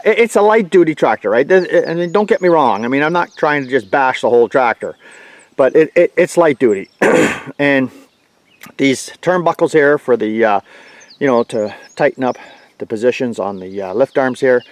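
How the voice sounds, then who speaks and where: A man's voice: mid-range voice, dry recording. A man giving a blunt, folksy, plainspoken walkaround review of his tractor outdoors. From Canada.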